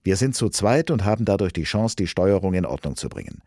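Brief: man doing a scolding astronaut, deep and husky, dry studio sound. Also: big pitch swings, brisk, dark tone, no room sound, full character voice. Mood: impatient. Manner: pushy, scolding. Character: impatient brusque male astronaut, his future self. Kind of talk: dramatic audiobook reading.

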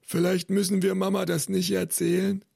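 A fretful, clumsy old grandpa from an audiobook, with a thin, high voice full of gravelly crackle. He sounds hoarse and a little breathy. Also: level tone, moderate pace, darkish tone, no echo, studio quality, full character voice. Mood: sheepish. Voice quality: high creaky voice.

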